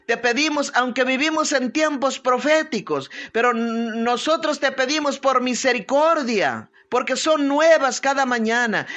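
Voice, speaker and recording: With a powerful, medium-pitched voice, a woman pastor runs a live online prayer broadcast. She offers prayers, greets viewers, and wanders into casual asides, searching hesitantly for words while punctuating her speech with amens and tag questions.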